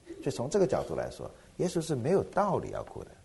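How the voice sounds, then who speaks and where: A middle-aged man, a pastor, preaching a sermon with animated rhetorical questions. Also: medium pitch, fast, gravelly, a little hiss or hum.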